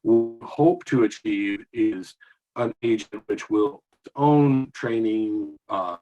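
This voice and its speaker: A man speaking as a guest over a video call whose audio cuts in and out, so his volume keeps rising and dipping, and he talks haltingly with many restarts. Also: fairly low pitch, expressive, warm tone, highs cut off, faint music behind. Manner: halting, full of restarts and fillers. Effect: choppy call audio with uneven, dipping volume. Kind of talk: remote panel discussion.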